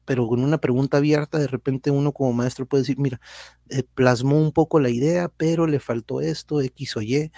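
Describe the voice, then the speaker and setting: A man's voice: medium pitch, fairly even intonation, fairly quick, gravelly, dark tone, dry recording, studio quality. A middle-aged Mexican man hosting a casual live-stream chat, greeting viewers by name and reading their comments in a chatty, slangy way. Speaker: podcast host and teacher.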